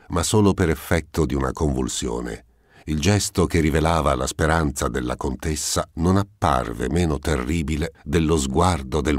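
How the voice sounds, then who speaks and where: Deep-voiced man reading a novel. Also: no echo, studio quality. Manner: measured, solemn reading. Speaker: audiobook narrator. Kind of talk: scripted literary narration.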